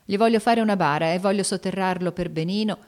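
A woman voicing a tender-hearted, remorseful young girl in an audiobook, high and pleading. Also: quick pace, darkish tone, close to an everyday voice. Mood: tearful. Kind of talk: audiobook character reading.

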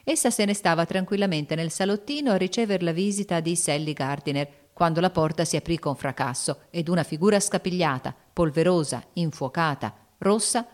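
A woman reading a classic novel aloud as narrator, steady and even. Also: sits low. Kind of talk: scripted audiobook narration.

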